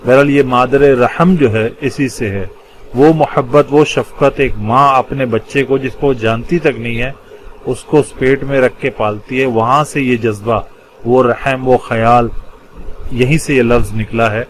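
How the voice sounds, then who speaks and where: A man teaching a religious lesson in Urdu, explaining Arabic word patterns. He goes patiently, pausing often and stressing key words. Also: mid-range voice, steady tone, a little hiss or hum, low-quality recording. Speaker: Quran teacher.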